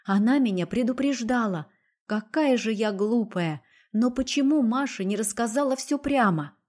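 A woman's voice: fairly high pitch, animated, normal speed, darkish tone, voice pushed up. A woman voicing an emotional young noblewoman who stays dignified through tears. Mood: tearful firm. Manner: tearful yet dignified.

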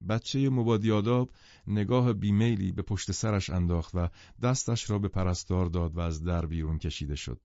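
A man reads a novel aloud with a measured, even delivery. His voice is low and mellow. The recording is dry and a little dull. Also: no room sound. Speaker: audiobook narrator. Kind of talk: scripted literary narration.

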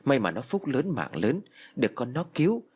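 A man's voice: medium pitch, huge pitch swings, normal speed, darkish tone, slightly rough. A man voicing a blunt aunt who scolds her sister for not believing in ghosts, in a spoken ghost story. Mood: scolding. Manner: scolding, told-you-so.

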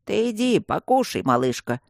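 A reader voicing a sly, gruff stone guardian who growls and coaxes by turns. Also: medium pitch, very animated, normal speed, dry recording, studio quality, voice pushed up. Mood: coaxing. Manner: growling, fussy, coaxing.

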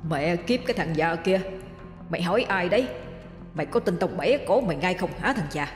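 A woman narrator voicing a possessed woman whose voice turns gruff and man-like, snarling threats in a low, quiet growl. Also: animated, fairly quick, long reverb tail, soft background music, close to an everyday voice. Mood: menacing.

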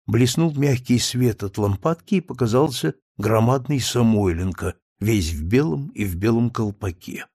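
A man reading a story aloud as an audiobook narrator, steady and measured. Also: medium pitch, breathy edge, dry recording, studio quality. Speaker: audiobook reader. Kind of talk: scripted narration.

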